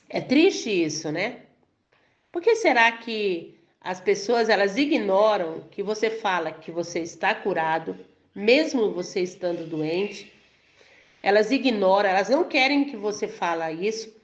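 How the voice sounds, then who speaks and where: A Brazilian woman preaches in a loose, conversational way and keeps asking her listeners whether they follow. Her voice sits a little high. The recording sounds dull and lo-fi. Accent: Brazilian Portuguese. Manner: chatty, keeps asking "entendeu?" and "amém?", laughs lightly. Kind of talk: conversational sermon.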